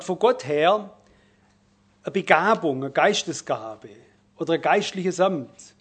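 A middle-aged man preaching a sermon. He speaks emphatically, slowing and swelling on key words before dropping quiet again. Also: sits high, breathy edge.

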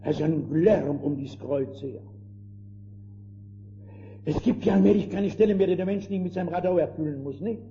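An older man preaching a fervent sermon, calling his listeners friends and swinging between hushed and emphatic delivery. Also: a little high, normal speed, long pauses. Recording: dull lo-fi old sermon recording with faint noise.

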